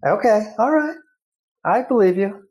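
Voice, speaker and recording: A man's voice: sits high, animated, a little slow, darkish tone. A man hosting an interview podcast, asking questions in a friendly, joking, casual way. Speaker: podcast host.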